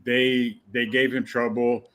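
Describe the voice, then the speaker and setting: A man's voice: mid-range voice, little pitch movement, slow, a bit bright. A man co-hosting an online sports show, agreeing often and chiming in. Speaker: co-host. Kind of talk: casual sports chat.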